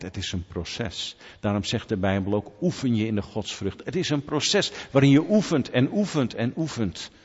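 A man preaching a sermon in church, animated and lively, swinging from quiet asides to loud, urgent calls. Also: mid-range voice. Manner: animated preaching, rising to near-shouts when quoting. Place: church hall. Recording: muffled sound in a large reverberant hall.

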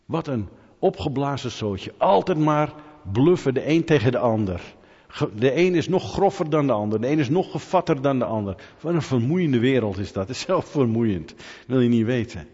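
A man's voice: medium pitch, darkish tone, breathy edge. Man, middle-aged, preacher, conversational sermon, rhetorical questions, muffled lo-fi sound. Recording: dull hall reverb.

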